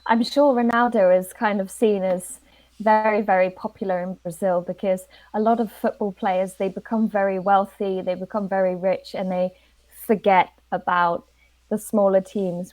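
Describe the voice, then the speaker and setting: A woman's voice: mid-range voice, level tone, moderate pace, darkish tone, rough recording. A woman from England with an English accent, teaching English by chatting and asking follow-up questions. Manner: friendly, asks follow-up questions. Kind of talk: casual conversation lesson.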